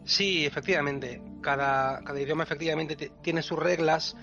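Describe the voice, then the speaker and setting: As the language section guest in an explanatory podcast chat, a man patiently explains language rules to a co-host like a teacher, chuckling often. His voice is a little high, steady, and moderately paced, in a dull lo-fi recording with faint music.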